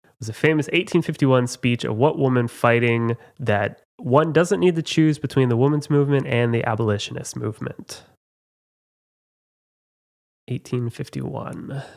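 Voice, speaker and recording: A man hosts a relaxed trivia podcast and reads each question aloud. He talks in a chatty, halting way, with frequent fillers, and laughs easily at his own slips. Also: mid-range voice, vocal fry. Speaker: trivia quiz host. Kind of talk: casual podcast quiz.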